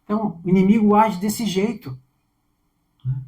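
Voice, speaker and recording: A man's voice: sits high, normal speed, dark tone, low-quality recording. A man preaching a conversational sermon in a Brazilian Portuguese accent, often checking in with his listeners through tag questions.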